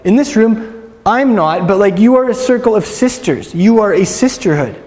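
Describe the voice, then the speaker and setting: A man with a fairly high voice gives an informal Bible teaching, chatty and upbeat, and has the listeners repeat words after him. He is recorded in a room with a long, echoing reverb around his voice. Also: animated, normal speed, a little mellow. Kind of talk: casual interactive Bible teaching.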